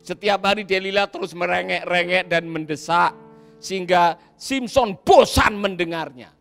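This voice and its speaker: A male pastor preaching a sermon, telling stories lively and acting out the voices in them, often asking the congregation "right?". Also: sits high, moderate pace, vocal fry, soft background music. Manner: lively storyteller, acts out quoted voices, asks "ya kan?".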